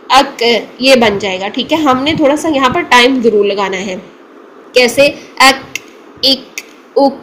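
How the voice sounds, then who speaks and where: A woman with a Pakistani Urdu accent gives a careful recitation lesson in a fairly high voice. She sounds out single syllables slowly and repeats them patiently. A faint hiss sits under her voice. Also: a bit bright, poor audio. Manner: patient, slow demonstrating of letter sounds. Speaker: Quran recitation teacher. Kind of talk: tajweed lesson.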